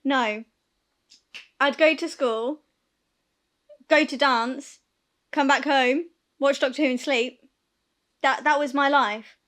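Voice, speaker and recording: A woman, co-hosting a chatty podcast and telling stories in an animated way. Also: high-pitched, slow, long pauses. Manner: animated storytelling, laughing and acting out scenes. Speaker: podcast co-host. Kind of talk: casual chat.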